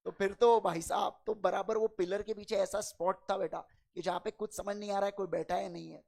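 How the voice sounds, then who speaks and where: Teaching an accounting class in a mix of Hindi and English, a man fires quick call-and-response questions at his students and fatherly calls them "beta." He's a little unwell, so he speaks slower than usual. His voice sits high and sounds gravelly with a darkish tone.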